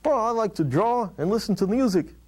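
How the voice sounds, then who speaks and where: A man voicing a cheeky, wisecracking boy ventriloquist dummy in a squeaky, eager puppet-show voice. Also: expressive, a little fast, darkish tone. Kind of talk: puppet show comedy patter.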